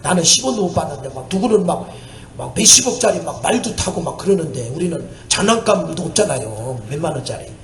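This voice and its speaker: Animated preaching man in echoey church. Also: fairly high pitch, brisk, slight background noise. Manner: animated storytelling with laughter and shouts. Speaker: missionary preacher. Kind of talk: sermon. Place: church sanctuary.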